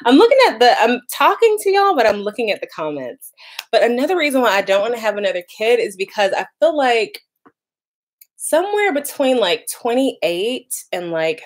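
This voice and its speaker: With a sing-song voice on the high side at a normal speed, this woman in her 30s hosts a live stream as a vlogger. She reads out viewer comments, laughs easily, and chats casually, saying "like" and "y'all" a lot.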